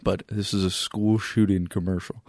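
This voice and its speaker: A man co-hosting a podcast in casual comedic chat, joking and laughing as he pitches absurd ideas. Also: little pitch movement, moderate pace, darkish tone, no room sound, studio quality. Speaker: podcast co-host.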